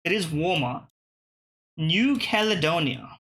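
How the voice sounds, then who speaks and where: A young man with a fairly high, fairly bright voice thinks aloud while playing geography web games, speaking slowly yet animatedly. His casual commentary is profane, full of muttering and restarts.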